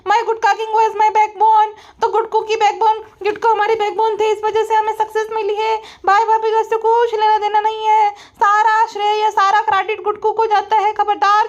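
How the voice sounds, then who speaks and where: A woman putting on the voice of a boastful, smug young woman vlogger, speaking in a slow, mocking sing-song. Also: very high-pitched, highs cut off, voice pushed up.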